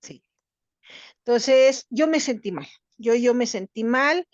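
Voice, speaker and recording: Middle-aged Mexican woman, earnest group-session storyteller with a halting delivery, over muffled video-call sound. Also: on the high side, animated, dry recording. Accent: Mexican Spanish. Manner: earnest, halting, with many restarts. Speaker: workshop participant.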